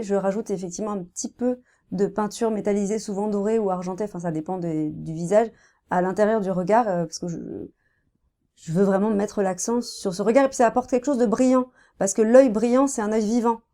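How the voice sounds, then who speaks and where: A woman in her thirties, a painter, talking casually in an interview, soft-spoken and hesitant with many fillers and restarts. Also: medium pitch, a little fast. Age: 30s.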